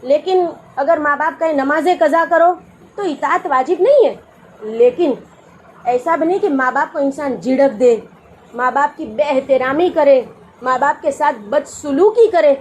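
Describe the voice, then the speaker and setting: A woman's voice: sits high, a little hiss or hum, rough recording. A woman preaching at a women's religious gathering, earnest and exhorting, telling a moral story to make her point. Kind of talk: sermon.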